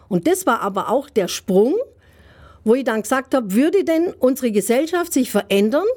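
A woman's voice: a little high, darkish tone. A middle-aged woman giving an interview as an author, speaking emphatically and indignantly, with many rhetorical questions. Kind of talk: interview answers.

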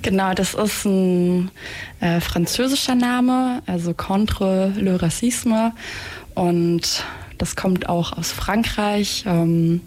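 A woman's voice: mid-range voice, takes it slowly, a little mellow. A young adult woman speaking casually as a student activist guest in a radio interview.

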